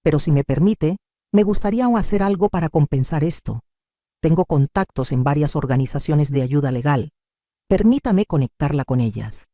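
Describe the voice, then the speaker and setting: A remorseful male lawyer speaks with respect and earnest humility, as a woman narrator puts him on. His voice is mellow, and his pitch rises and falls in a lively way. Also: moderate pace, dry recording, studio quality. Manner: deferential, earnest.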